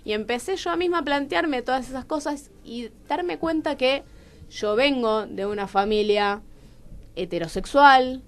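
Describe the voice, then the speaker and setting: In a radio studio, a woman with a Rioplatense Argentine Spanish accent speaks candidly as a guest playwright, her voice high and unhurried. She questions herself aloud and acts out bits of dialogue.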